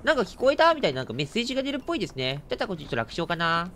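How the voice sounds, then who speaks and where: Chatty game streamer. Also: male voice, high voice, wildly swooping pitch, very fast, pushed and bright, a little hiss or hum. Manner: chatty, exclaims and mutters at the game. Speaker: let's play streamer. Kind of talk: casual game commentary.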